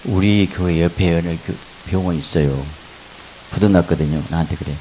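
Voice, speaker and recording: A male pastor preaching a sermon at a revival meeting, animated, with loud laughing exclamations. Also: deep voice, moderate pace, slight background noise, low-quality recording. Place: church revival meeting hall.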